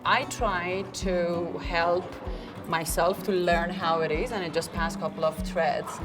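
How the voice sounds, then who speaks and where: A woman with a lowish voice speaks thoughtfully, pausing as she searches for words. She sounds set back from the mic. Clear music runs under her voice. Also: steady tone, far from the mic. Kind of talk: documentary interview.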